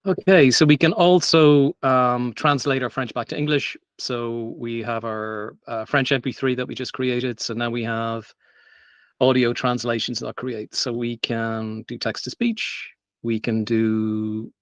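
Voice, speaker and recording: A man's voice: medium pitch, no echo. A man giving an unscripted technical meetup presentation, talking loosely with many ums and restarts. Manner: loose, filler-heavy delivery with frequent ums and restarts. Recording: dull lo-fi sound.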